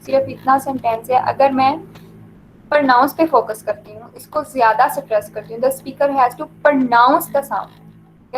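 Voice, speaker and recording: A woman teaching an online lecture, explaining slowly with many fillers and mixing English terms into her Hindi. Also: high-pitched, low-quality recording.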